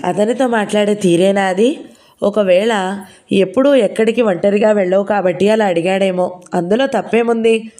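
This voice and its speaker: A woman's voice: medium pitch, normal speed, close to an everyday voice. A woman reading an audio novel, voicing an ailing older mother who scolds her daughter sharply. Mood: scolding. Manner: sharp scolding, weary sighs.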